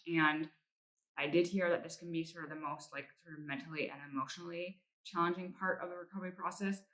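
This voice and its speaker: Low, bright-voiced woman vlogger, reflective. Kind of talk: casual personal health update talk.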